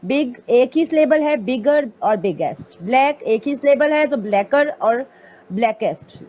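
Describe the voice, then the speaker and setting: A woman's voice: a little high, lively intonation, a little slow, mellow. A woman teaching an online English grammar class, explaining patiently step by step and calling her students "beta".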